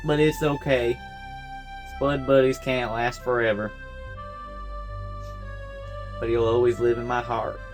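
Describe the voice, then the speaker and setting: A young man talks straight to his camera from his bedroom, loose and rambling. He cracks goofy jokes at himself and keeps going off on tangents. Faint music sits low underneath. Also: level tone, takes it slowly, long pauses. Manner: goofy, rambling, self-mocking asides. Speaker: vlogger. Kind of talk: casual year-recap vlog.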